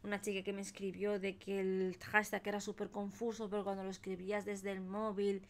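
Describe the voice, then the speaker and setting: A woman's voice: medium pitch, little pitch movement, brisk. A young woman from Spain chatting casually on her live stream, thanking viewers by name as she tells a rambling story. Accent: Spain Spanish. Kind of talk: casual live-stream chat while colouring.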